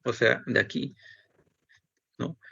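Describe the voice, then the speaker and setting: A man's voice: medium pitch, takes it slowly, gravelly, bright, forceful tone, slightly rough, no room sound. A man teaching an anatomy lesson step by step and asking himself the students' questions. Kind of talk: recorded anatomy lecture. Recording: dull, lo-fi dry recording.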